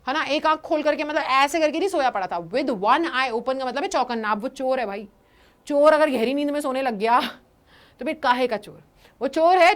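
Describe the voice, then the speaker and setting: A young woman teaching an English story lesson, telling it in a lively way and slipping into voices for the quotes. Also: sits high.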